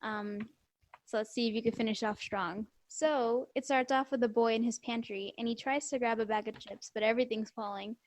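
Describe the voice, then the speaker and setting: A teenage girl co-hosts a school podcast, cheerfully setting up quiz questions in casual chat. Her voice sits a bit high. The sound is close and dry. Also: fairly even intonation, no echo. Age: teens. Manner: upbeat, quizzes with quick setups. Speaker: podcast co-host.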